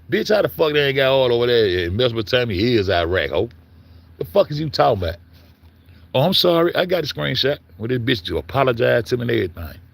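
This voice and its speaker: Gravelly man ranting with heavy profanity. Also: lowish voice, fairly bright tone. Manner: profane, heated, repeats himself. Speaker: commentator. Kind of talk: ranting monologue.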